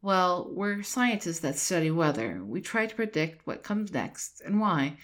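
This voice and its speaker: A woman's voice: fairly low pitch, very animated, measured pace. Woman voicing an earnest weather scientist man. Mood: explaining.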